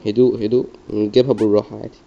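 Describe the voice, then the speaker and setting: Egyptian gamer muttering to himself. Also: male voice, lowish voice, flat delivery, racing, gravelly, warm tone. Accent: Egyptian Arabic. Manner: mutters coaching to himself, repeats words. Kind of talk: gaming commentary. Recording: dull lo-fi mic, faint noise.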